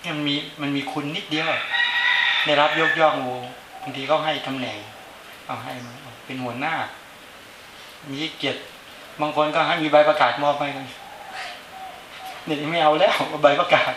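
A man who is a Buddhist monk gives an informal dharma talk in a chatty way, often asking his listeners whether they follow. His voice sits a little high, and the room gives a clear echo with faint ambience underneath. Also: steady tone, moderate pace, long pauses, background noise. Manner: conversational, keeps asking listeners to agree.

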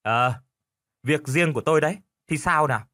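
A man voicing a sharp-tongued, thrifty older village wife who scolds her lazy husband with sarcasm. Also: on the high side, moderate pace, no room sound, voice pushed up. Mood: sarcastic scolding.

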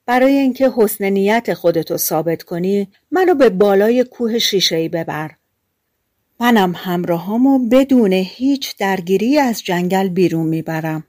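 A woman voicing a clever young male drummer in a fairy tale, talking in a brisk, lively way. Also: medium pitch, dry recording, studio quality, close to an everyday voice. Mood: pleading.

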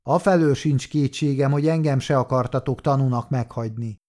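A man narrating a first-person crime story in a calm, measured reading. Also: medium pitch. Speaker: audiobook narrator.

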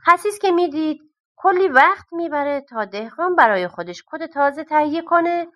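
A woman reads folk tales aloud with an animated, expressive storyteller's delivery. Her voice sits high and bright in pitch. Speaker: audiobook narrator. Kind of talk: storybook narration.

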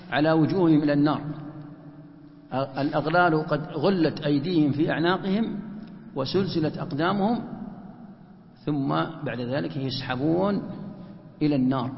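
A man with a fairly high, creaky voice leads a Quran commentary lesson meant to explain the text. He often raises a rhetorical question, then answers it himself. The recording carries hall echo and a muffled, lo-fi character.

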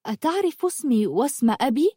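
A woman's voice: fairly high pitch, expressive, normal speed, a little mellow, dry recording, clean studio sound. A woman doing a puzzled, wary young woman. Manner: questioning, apologetic.

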